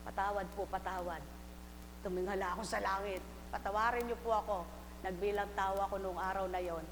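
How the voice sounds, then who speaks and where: A woman preaching a live sermon, fervent and full of refrains, moving from soft confession to loud exhortation. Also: mid-range voice, steady tone, fairly quick. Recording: hall reverb, faint hum.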